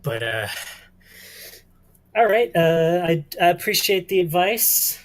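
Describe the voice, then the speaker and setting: A tabletop game player talking casually and slowly, with plenty of hesitation. The delivery is halting and loose, peppered with jokes at the table. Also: medium pitch, big pitch swings. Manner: hesitant, full of joking asides.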